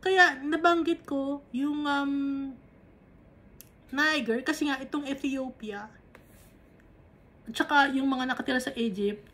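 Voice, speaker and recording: A woman's voice: high voice, measured pace, pauses often, fairly bright tone. A woman with a Filipino accent teaching a Bible study, switching between Tagalog and English and asking rhetorical questions.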